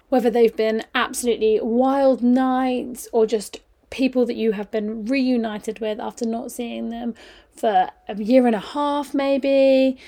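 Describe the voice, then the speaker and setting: A woman's voice: fairly high pitch, darkish tone. A young woman hosting her own podcast, chatting casually as an agony aunt, rambling and self-mocking, with the odd swear. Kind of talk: casual solo podcast chat.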